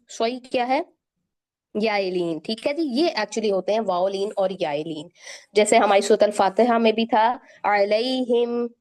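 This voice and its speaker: A woman's voice: on the high side, darkish tone. Patient woman teaching recitation. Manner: patient, drawn-out example sounds, frequent "theek hai". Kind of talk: tajweed lesson.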